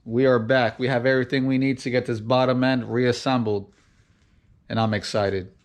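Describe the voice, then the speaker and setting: Man with a flat, monotone garage-vlog voice. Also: mid-range voice, fairly quick. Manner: flat, self-described monotone delivery. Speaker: car build vlogger.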